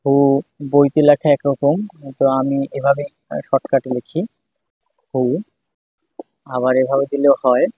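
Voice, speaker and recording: Over a tinny, phone-like line, a man gives a step-by-step lesson on writing Japanese letters, patiently repeating every syllable several times. His medium-pitched voice is level, slightly rough and unhurried, with long pauses. The recording is dry.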